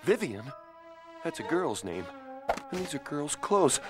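An actor voicing a grumpy, sarcastic male pet animal in a cartoon, who complains gruffly. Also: fairly high pitch, very animated, measured pace. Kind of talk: cartoon voice acting. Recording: faint music behind.

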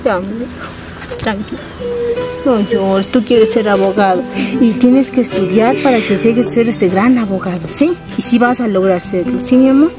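Woman, charity visitor, gentle comforting tone, medium pitch, loud music bed. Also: moderate pace. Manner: gentle, soothing, calls the children dear ones. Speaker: charity visitor interviewing a family. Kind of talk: emotional field conversation with children. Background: music score.

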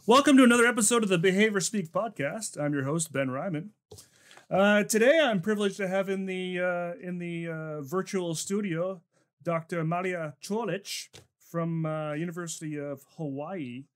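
A man's voice: sits high, normal speed. A man hosting a podcast interview, talking casually with many fillers and restarts. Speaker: podcast host.

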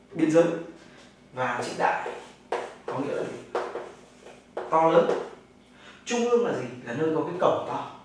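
A man from Vietnam with a Northern Vietnamese accent, teaching a classroom language lesson, explaining step by step and answering his own questions. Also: on the high side. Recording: very echoey room, mic far off, noisy.

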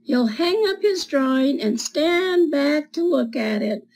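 A woman in her seventies with a high, expressive, creaky voice reads a children's picture book aloud for schoolchildren, taking her time and describing the pictures with gentle questions to the young listeners. She's in a small room at home lined with bookshelves, picked up by a webcam at desk distance.

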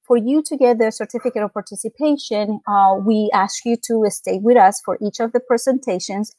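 A woman's voice: fairly high pitch, a little mellow, no room sound, rough recording. A young woman hosting a live online webinar over a video call, talking in a friendly way with many ums and uhs. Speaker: webinar moderator.

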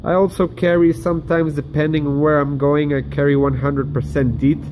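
A man's voice: on the high side, level tone, moderate pace, a little mellow, a little hiss or hum. Man showing gear, chatty and step-by-step. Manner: chatty, explains step by step to viewers. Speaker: outdoor gear vlogger. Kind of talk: casual hands-on demonstration. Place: indoors at a table. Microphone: camera filming hands from above.

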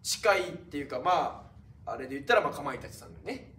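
A young male comedian in casual, laughing chat, answering viewer questions with his partner. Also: a little high. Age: young adult. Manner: lively, laughing, quick back-and-forth. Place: theater talk set. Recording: roomy, from some distance, faint hiss.

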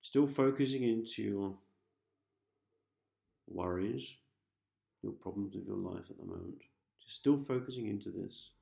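In a roomy, echoing space with faint music beneath him, a man with a low, gravelly voice guides listeners toward sleep. Acting as a hypnosis host and meditation guide, he stays calm and gentle, repeating soft instructions separated by long pauses in this soothing sleep hypnosis.

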